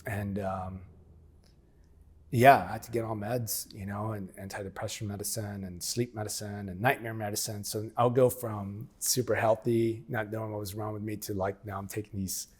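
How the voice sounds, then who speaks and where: A man's voice: on the low side, steady tone, moderate pace, slightly rough. A man in his forties telling his story as an interview guest, frank and plain-spoken, often acting out past conversations. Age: 40s. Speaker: interview guest, former military operator.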